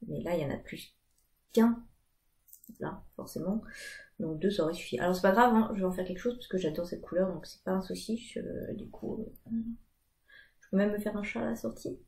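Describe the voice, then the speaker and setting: A woman's voice: mid-range voice, mellow. A woman in her thirties, chatting casually about her knitting with many fillers. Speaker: knitting vlogger. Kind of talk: casual chat.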